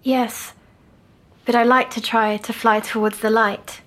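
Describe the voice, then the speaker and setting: A woman, softly recounting a dream as a patient in an audio drama. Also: on the high side, level tone, poor audio. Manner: soft, slow, dreamy recounting.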